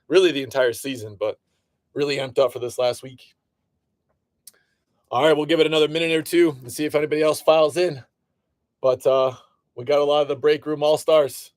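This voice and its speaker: Hosting a live sports card break, an Illinois man chats casually in a medium-pitched voice that seems slightly off, calling out viewers by name. The audio is studio quality and free of room sound.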